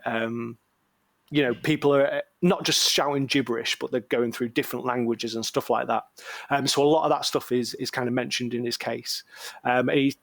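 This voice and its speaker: A man's voice: mid-range voice, fairly bright tone, no echo. A man co-hosting a podcast and telling a case story in a rambling, slangy, jokey way, full of ums. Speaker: podcast co-host. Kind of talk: casual podcast chat.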